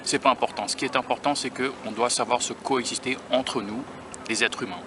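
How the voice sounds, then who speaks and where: A man's voice: mid-range voice, fairly even intonation, a little fast. A man from the United States talking casually on a vlog while eating outdoors by a beach, musing and self-conscious, often restarting his sentences. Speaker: food-tasting vlogger. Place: outdoors by a beach near rail tracks. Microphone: handheld camera or phone filming himself. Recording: outdoor traffic and vehicle noise.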